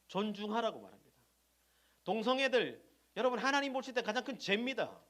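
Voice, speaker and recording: High-voiced male pastor preaching. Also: big pitch swings, brisk. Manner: asks the congregation questions and answers them himself; swings from loud emphasis to soft, low asides. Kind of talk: sermon.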